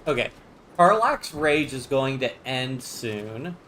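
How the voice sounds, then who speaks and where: A man's voice: mid-range voice, big pitch swings, takes it slowly, a little hiss or hum. Man casually talking through gameplay. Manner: chatty, thinking out loud. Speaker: gaming streamer.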